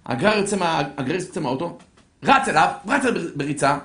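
A man telling a story to an audience in an animated way, building suspense and acting out the characters, in an echoey room. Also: fairly high pitch. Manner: lively, acts out voices, builds suspense.

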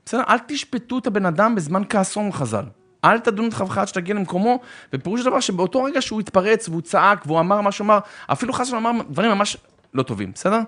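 Animated, expressive man. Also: high voice. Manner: theatrical, acts out both sides of arguments, bursts into shouts; addresses listeners warmly as brother. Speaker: speaker giving marriage advice. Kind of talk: animated religious talk on relationships.

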